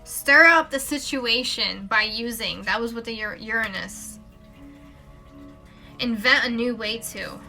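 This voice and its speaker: A woman's voice: on the high side, measured pace, gravelly, sharp tone, faint music behind. A woman with children doing a casual, rambling spiritual card reading live, with plenty of fillers and self-corrections. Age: adult parent. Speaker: tarot reader.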